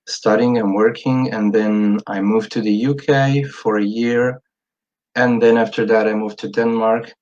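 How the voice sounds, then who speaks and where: A man in his thirties from Italy, a guest telling his story in a casual interview, often pausing with fillers and restarting. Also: fairly low pitch, darkish tone. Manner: hesitant, many fillers and restarts. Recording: dull lo-fi sound.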